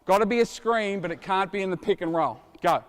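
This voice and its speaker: A middle-aged coach talks with a high, carrying voice as he runs a basketball drill. His speech is energetic and direct, with quick calls to the players and explanations for the watching coaches. The sound rings with the long reverb of a big gym. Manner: energetic, shouts drill instructions. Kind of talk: coaching clinic demonstration. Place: indoor basketball court.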